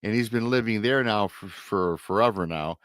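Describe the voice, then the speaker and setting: A middle-aged man with a Michigan American accent, originally from Michigan, USA, hosts a loose, chatty talk show. His lowish voice is a bit bright, clear and resonant at a moderate pace with no room sound, and he rambles and repeats points.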